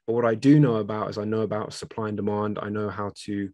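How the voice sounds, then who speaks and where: A man talks through a crypto analysis in a chatty, self-deprecating way, filling pauses with ums. He sounds a little out of breath, and his voice sits fairly low. The recording is close and dry. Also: flat delivery, dark tone, no room sound. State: slightly out of breath. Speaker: crypto channel host. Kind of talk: casual screen-share analysis.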